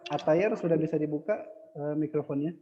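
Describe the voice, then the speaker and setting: Male online teacher, higher voice, patient, echoey and muffled sound. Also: a little fast, noisy background. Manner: patient, adds "ya" after most phrases. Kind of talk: online Arabic lesson.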